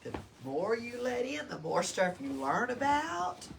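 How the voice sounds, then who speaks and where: An older woman leads storytime in a small-town library, reading to young children, explaining things simply and asking them questions. She speaks in a fairly high, creaky voice, very animated but measured in pace. The recording comes from a distant mic with background noise.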